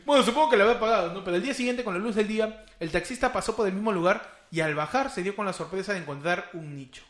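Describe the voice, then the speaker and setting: A young adult man with a Peruvian Spanish accent, hosting a casual chat and retelling spooky taxi stories with slang and animated asides. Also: high voice, fast talker, reverberant. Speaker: podcast host.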